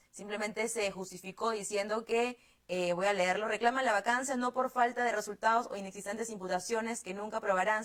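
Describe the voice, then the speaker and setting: A woman hosting a political interview, speaking in a measured way as she reads out quotes and poses questions to her guest. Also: medium pitch. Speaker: host.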